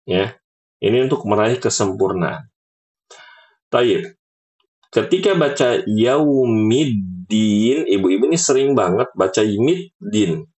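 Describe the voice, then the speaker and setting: A low-pitched man leads an online recitation class at an unhurried pace. He patiently corrects his students and stretches out each word he demonstrates. His voice sits on the lower side. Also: expressive, darkish tone. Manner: patient, demonstrates words slowly and drawn out. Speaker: Quran recitation teacher.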